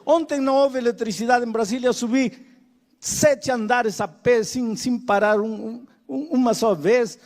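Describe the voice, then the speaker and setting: A man's voice: very high voice, measured pace, darkish tone. An older man with Spanish as his first language, preaching an impassioned sermon and telling a story with dramatic voiced quotes.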